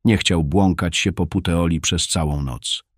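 A man narrating an audiobook in a calm, measured storytelling manner. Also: low voice, slightly rough, no echo, clean studio sound. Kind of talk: scripted narration.

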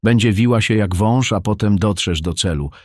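In a studio-quality recording with no room sound, a man voices a friendly, talkative fruit seller at a market. He speaks at normal speed in a natural voice, warm and chatty, sometimes dropping to a whisper.

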